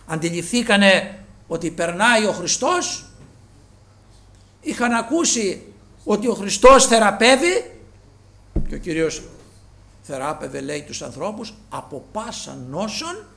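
A man preaching a sermon with fervor, rising to loud calls and dropping low. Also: very animated, gravelly, pauses often.

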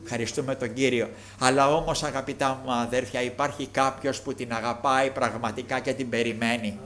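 A middle-aged man preaching a fervent sermon, swinging between loud outbursts and hushed passages, often repeating refrains of praise. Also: mid-range voice, fairly even intonation.

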